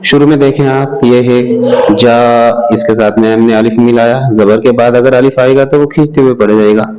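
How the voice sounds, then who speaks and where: A man's voice: medium pitch, steady tone, normal speed, warm tone, rough recording. A man teaching an alphabet lesson step by step, patiently repeating each sound and checking that the learner follows.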